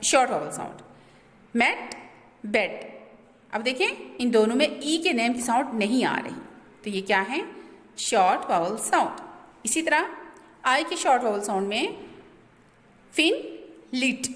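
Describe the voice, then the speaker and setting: A woman teacher slowly and patiently explaining vowel sounds, asking and answering her own questions. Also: on the high side, a bit bright. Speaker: English teacher. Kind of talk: recorded online lesson. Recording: echoey room with long reverb.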